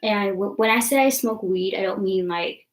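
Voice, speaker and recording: A woman's voice: mid-range voice, moderate pace. A young woman talks straight to her viewers in a loose, rambling live-stream chat, full of likes and ums. She is blunt and defiant and swears without a second thought. Her voice sits in a roomy, echoing space. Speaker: vlogger.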